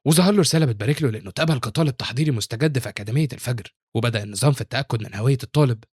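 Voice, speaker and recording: A man's voice: medium pitch, very fast, breathy edge, dry recording, studio quality. A man with an Egyptian Arabic accent narrating a scripted manhwa recap as a dramatic storyteller.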